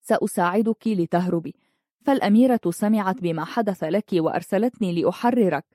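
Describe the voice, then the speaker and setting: A woman reading the lines of a secretive palace maidservant who talks in a hushed, urgent way. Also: mid-range voice, fairly quick, no echo, clean studio sound, lightly acted.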